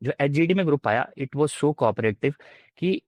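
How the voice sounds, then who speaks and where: A man's voice: fairly high pitch, animated, a little slow, a little mellow, no room sound. A young man in his twenties with an Indian accent, telling his story in a casual interview and acting out what officers said to him. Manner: mixes Hindi and English, acts out officers' lines. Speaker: interviewee, defence exam candidate.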